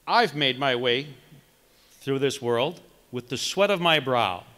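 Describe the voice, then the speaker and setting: Bright, emphatic man speaking in a hall. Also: fairly high pitch. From Wisconsin. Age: middle-aged. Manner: reads from notes, emphatic measured delivery. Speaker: political candidate. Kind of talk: read campaign speech. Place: large conference hall, indoors. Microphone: podium microphone. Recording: long hall reverb.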